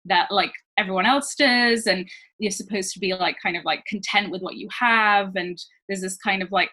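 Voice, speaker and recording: A woman's voice: mid-range voice, sharp tone. A woman who grew up in France and Switzerland with British parents, a relationship coach chatting as a podcast guest with many fillers. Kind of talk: casual interview chat.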